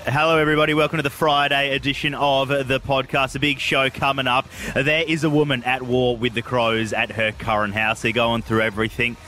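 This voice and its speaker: Australian male radio host, bright and upbeat, casual segment intros. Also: mid-range voice, little pitch movement, brisk, few pauses, slight background noise.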